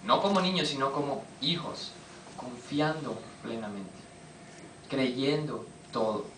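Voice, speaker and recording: A man preaching a sermon, firing quick questions at his congregation. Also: mid-range voice, background noise. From Costa Rica. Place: church hall. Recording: echoey hall, voice from a distance.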